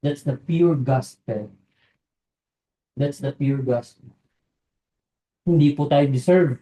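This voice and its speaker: Filipino preacher in an echoey hall. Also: male voice, a little high, warm tone. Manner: switches between Tagalog and English, slows for emphasis. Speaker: pastor. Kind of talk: sermon.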